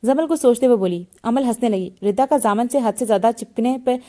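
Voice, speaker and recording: Woman reading a romance novel, mellow tone. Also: a little high, fairly quick. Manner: reads all the characters in a lightly shifted voice, with frequent slips and restarts. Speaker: novel reader.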